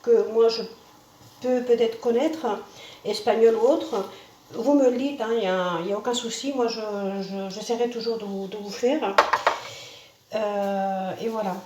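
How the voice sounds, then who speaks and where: A woman's voice: a little high, unhurried, mellow. A woman with a Spanish accent hosting a casual home cooking demonstration, chatting as she cooks and often adding "hein" and "voilà". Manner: chatty, repeats "hein" and "voilà", restarts words. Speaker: home cooking video host. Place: home kitchen with a sizzling pan. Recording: roomy distant kitchen sound, faint noise.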